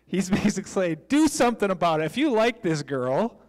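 Speaking fairly quickly, this middle-aged American man delivers a sermon as a pastor, holding a microphone on a church stage in a big indoor space. His pitch sits high and swings widely. The audio carries a long hall echo.

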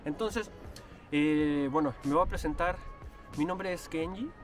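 A man's voice: on the high side, unhurried, distant mic, over music. Chatty young Mexican man outdoors. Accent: Mexican Spanish. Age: 20s. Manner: relaxed, slangy, chatty. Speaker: vlogger. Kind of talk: casual vlog chat. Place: rowboat on a lake outdoors. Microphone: action camera at arm's length.

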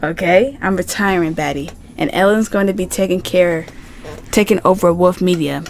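A woman voicing an older female media boss in a story game, speaking in a brisk, commanding way, lower and quieter than her own voice. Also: gravelly.

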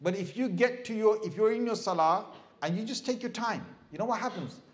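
A middle-aged man giving a lively sermon as an Islamic preacher, asking the audience questions and acting out crying babies. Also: high voice, a little fast. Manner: animated, asks the crowd questions, mimics crying babies.

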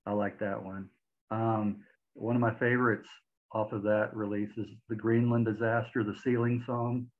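A man's voice: lowish voice, little pitch movement, normal speed. Man interviewing over a tinny call line. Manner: friendly, hesitant questions with repeated words. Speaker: interviewer host. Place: home room with record shelves. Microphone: video call webcam mic. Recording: tinny phone-like video call audio.

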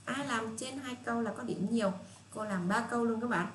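Patient Southern Vietnamese woman teacher. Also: on the high side. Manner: patient, repeats herself, reads English phrases slowly. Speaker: English teacher. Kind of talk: casual spoken lesson for children. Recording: echoey room with faint hiss.

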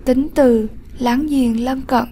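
High-voiced woman teaching slowly. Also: steady tone, dark tone, a little hiss or hum. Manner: slow, clear, patient explaining. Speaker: English teacher. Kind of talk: classroom lesson narration.

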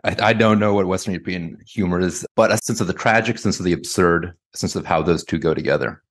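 Low-voiced american guy, guest on a podcast, hedgy and thoughtful, lots of "kind of". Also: fast talker. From United States. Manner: thoughtful, hedging, many "kind of" and "like". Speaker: guest author. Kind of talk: conversational interview answers.

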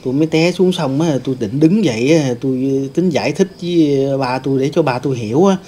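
A man's voice: medium pitch, brisk, warm tone, close to an everyday voice. A man playing the ghost of a young man wrongly killed, rambling through his story. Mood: sorrowful. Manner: rambling storytelling, many fillers. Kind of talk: staged ghost-hunting role-play.

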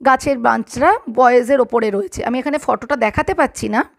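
A woman teaching English grammar, repeating examples and asking frequent check questions while reading English sentences slowly. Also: a little high, gravelly. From Bengal. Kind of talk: explaining grammar lesson.

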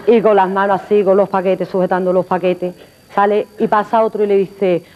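A woman telling jokes to an audience in a chatty, animated way, doing voices. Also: medium pitch, fairly quick. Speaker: joke teller. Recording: dull lo-fi TV audio.

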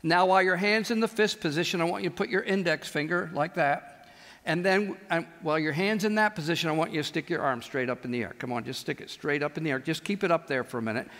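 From a large auditorium stage, a high-voiced older man delivers a chapel sermon through a headset mic. He is animated and relies on slow, emphatic pauses, and his words ring out with a long hall reverb.

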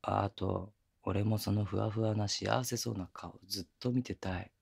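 A man playing a teasing, affectionate young boyfriend in intimate ASMR role-play, murmuring softly and very close to the microphone. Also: lowish voice, fairly even intonation, normal speed, no echo, heavily acted. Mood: affectionate, coaxing. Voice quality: breathy, gravelly. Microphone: very close binaural microphone, dry.

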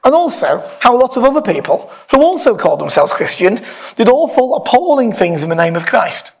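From the lectern on a church hall stage, a man preaches a casual, conversational sermon, reading aloud at times and stressing words emphatically. His voice is very high-pitched, very animated, and brisk, with a creaky, husky texture.

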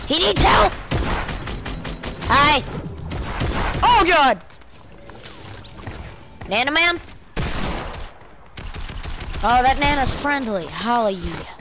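A woman's voice: sits high, big pitch swings, very slow, pauses often, noisy background. A woman giving casual, goofy commentary while playing a video game, exclaiming often. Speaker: gamer streaming her play. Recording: game gunfire over the voice. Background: video game gunfire and clicks.

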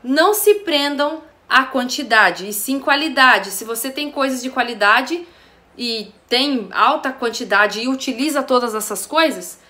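A woman's voice: sits high, unhurried, sharp tone, roomy sound. A woman vlogger chatting casually to her viewers while sorting her small basement kitchen, full of friendly asides. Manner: chatty, frequent "gente" and "né" asides. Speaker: home organizing vlogger. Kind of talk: casual chat to camera.

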